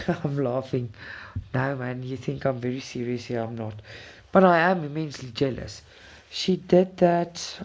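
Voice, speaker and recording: A woman from South Africa, Afrikaans being her mother tongue, hosts a cross-stitch channel and chats casually with viewers watching live. Her voice sits low and mellow; she is talkative and effusive and tends to repeat words.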